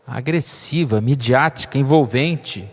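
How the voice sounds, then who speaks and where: A man's voice: mid-range voice, a little slow, breathy edge. A man preaching a sermon as pastor, chatty and joking, checking in with his listeners often. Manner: conversational, frequent tag questions, light humor. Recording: long reverb of a church hall.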